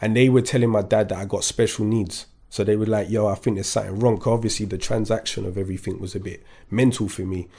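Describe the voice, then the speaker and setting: Laid-back young man, low voice. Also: fairly even intonation, fast talker, few pauses, darkish tone, breathy edge. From born in France, grew up in Kingston, England. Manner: laid-back slang-heavy storytelling, many fillers. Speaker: guest. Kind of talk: casual podcast chat.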